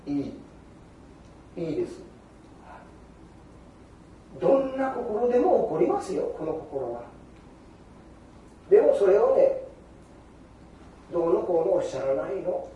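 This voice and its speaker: An older man with a giving a Buddhist sermon in an animated storytelling manner, acting out quoted exchanges. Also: sits high, a little slow, pauses often. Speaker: Buddhist preacher. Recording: echoey hall from far off.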